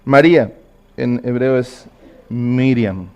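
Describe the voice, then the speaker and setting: A male preacher with an ordinary, mid-pitched voice delivers a sermon. He speaks earnestly, turning again and again to the listener with direct questions. He repeats his key phrases for weight. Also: slow, a little mellow, lo-fi sound.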